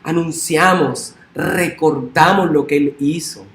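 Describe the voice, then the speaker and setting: A male pastor preaching a sermon in a church, emphatic and swinging up into loud, high exclamations. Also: takes it slowly, echoey room. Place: church sanctuary.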